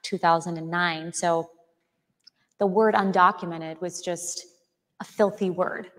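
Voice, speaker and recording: Her voice on the low side, steady, unhurried and a bit bright, a woman in her thirties originally from Chile appears as a guest author in a stage interview. She speaks earnestly to an auditorium audience, with the hall's long reverb audible.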